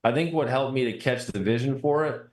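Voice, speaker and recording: A man's voice: mid-range voice, a little fast, a little mellow. A man chatting casually as a publisher, explaining things in a reflective way. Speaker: guest, book publisher. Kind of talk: casual conversation. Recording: roomy, echoing sound.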